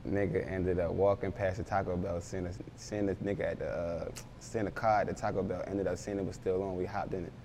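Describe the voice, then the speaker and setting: A man's voice: low-pitched, little pitch movement, brisk, gravelly, few pauses, a little mellow, a little hiss or hum. A young man, a rapper, talking casually in an interview with loose, rambling street slang. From Baltimore, raised in Philadelphia.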